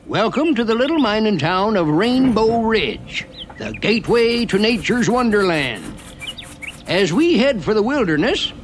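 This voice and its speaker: Folksy Old West tour guide, rural Western American drawl, high voice, very animated intonation, wry theme park narration, noisy ride ambience. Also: male voice. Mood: genial, wry. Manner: drawling, folksy dialect with chuckles.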